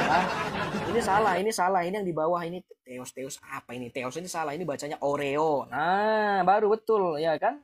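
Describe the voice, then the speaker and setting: A man's voice: high voice, slight background noise. Man taunting viewers on a live stream. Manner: taunting, challenging with rhetorical questions; chuckles mockingly between points.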